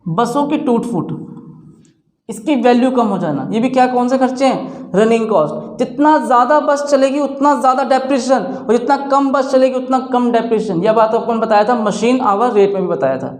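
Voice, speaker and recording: A man's voice: extremely high pitch, normal speed. A man teaching a class, explaining step by step and posing questions to the students that he answers himself. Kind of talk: classroom lecture. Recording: roomy echo.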